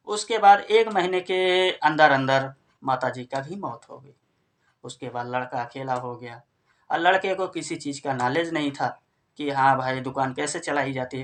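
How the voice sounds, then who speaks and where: A man's voice: on the high side, fairly bright tone. A man from northern India retelling a family story in a casual, conversational way and addressing listeners as friends. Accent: Hindi-speaking northern India.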